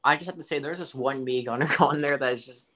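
A man chatting casually about games with friends. He jokes a lot, swears freely and laughs often. His voice sits in a middle pitch. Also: quick pace, a crowd in the background. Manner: joking, crude, laughs often. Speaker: podcast co-host. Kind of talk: casual gaming chat.

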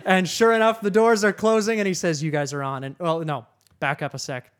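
A man hosting a podcast, telling a travel story to a live audience in an animated way, getting loud when he quotes himself. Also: high voice, fairly quick. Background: audience laughter.

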